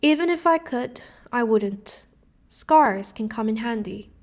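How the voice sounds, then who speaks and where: A woman voicing a calm old male wizard headmaster who speaks gently and in a measured way. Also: on the high side.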